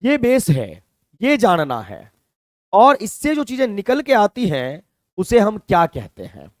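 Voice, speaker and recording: A man's voice: sits high, wildly swooping pitch, unhurried, no echo, studio quality. A man teaching a vocabulary class with a Hindi accent, explaining step by step and checking in with his students. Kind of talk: classroom lecture.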